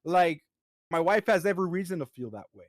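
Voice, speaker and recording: A man's voice: sits high, expressive, fairly quick, dry recording, clean studio sound. A man co-hosting a podcast, talking earnestly and rambling, with a lot of swearing. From United States. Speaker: podcast co-host. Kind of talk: casual chat.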